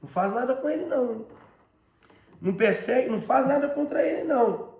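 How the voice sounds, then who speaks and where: Brazilian bishop, male, very high voice, insistent repetitive preaching, echoey room. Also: lively intonation, brisk, a little mellow. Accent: Brazilian Portuguese. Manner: emphatic, repetitive preaching with rhetorical questions. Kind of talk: sermon.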